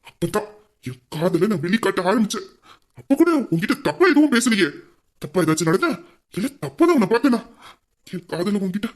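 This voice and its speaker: A woman voicing a possessive young man who calls himself king, in an audio romance drama, talking intensely and dropping low to threaten. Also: darkish tone. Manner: intense, lowers voice to menace.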